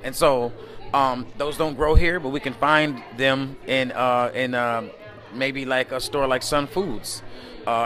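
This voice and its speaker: A man answering interview questions in a relaxed, rambling way, full of fillers, recorded close to a camera indoors at a community event. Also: medium pitch. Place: indoor event space by a window at night.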